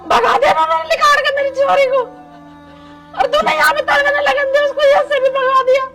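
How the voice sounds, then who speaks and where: A woman's voice: very high voice, fairly even intonation, a little fast. A woman playing a fiercely protective mother. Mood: reproachful. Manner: soothing, then scolding her husband. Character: protective mother of a grown daughter. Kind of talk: devotional family melodrama. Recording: loud background music score.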